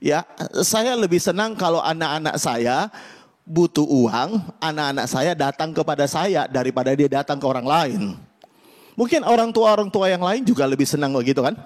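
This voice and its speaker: A man's voice: fairly high pitch, expressive, normal speed. A middle-aged male pastor preaching an online church sermon with emphatic, repetitive declarations. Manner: emphatic preaching, rising to loud repeated declarations. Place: church service streamed online.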